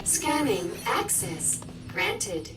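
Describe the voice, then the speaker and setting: A woman voicing a female security scanner machine that announces access slowly and flatly, heard over a building speaker. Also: mid-range voice. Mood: announcing. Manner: slow, flat announcing tone. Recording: distant speaker over loud game music.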